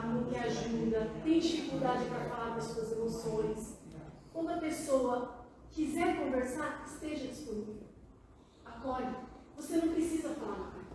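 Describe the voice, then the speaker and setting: Brazilian woman analyst, audience Q&A in a big hall; high voice, very echoey distant recording. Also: a little hiss or hum. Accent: Brazilian Portuguese. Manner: warm, conversational, asks the audience often. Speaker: psychoanalyst giving a talk. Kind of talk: public talk answering audience questions. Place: large meeting hall. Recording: very echoey hall, voice far from mic.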